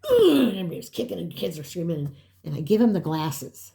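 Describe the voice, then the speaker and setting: This is an older woman in casual conversation, spinning a family story. She acts out the other people's lines as she goes, with a voice that sits a bit low. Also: fast talker, gravelly. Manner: animated storyteller, acts out quotes. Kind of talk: casual chat.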